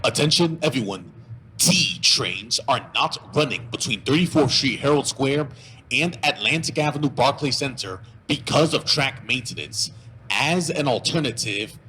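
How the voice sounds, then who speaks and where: A man's voice: mid-range voice, lively intonation, unhurried, pushed and bright. A man reading a formal public transit announcement in the manner of an airport announcement, delivered phrase by phrase. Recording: noisy station recording with ambience.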